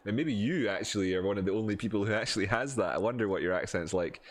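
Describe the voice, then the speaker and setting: On a casual live stream, a crypto streamer from Scotland with a broad Edinburgh accent and a somewhat low voice talks off the cuff. He's expressive and rambling, full of ums and restarted sentences, shifting between chatty asides, answers to chat, and walkthroughs of charts.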